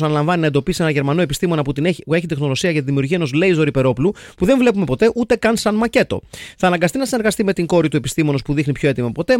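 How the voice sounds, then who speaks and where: A man hosting a casual podcast chat, reading listener comments in a quick, jokey way. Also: high-pitched, no room sound, studio quality. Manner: jokey, quick, mixes English phrases. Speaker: podcast host.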